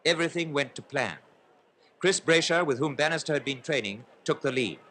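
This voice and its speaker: A man narrates in the manner of an old newsreel, his voice set a little high and sharply bright. He calls the action formally and briskly, pressing harder as the race unfolds. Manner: brisk, formal, building excitement in play-by-play. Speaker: newsreel commentator.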